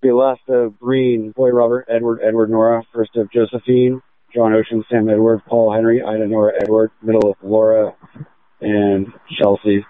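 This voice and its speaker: A man speaks over a two-way radio in a low, level voice, reading off codes and phonetically spelled names. The transmission is tinny and dry, with no room sound. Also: level tone, normal speed, dry recording. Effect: heard over a two-way radio. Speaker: police officer. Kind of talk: police radio traffic.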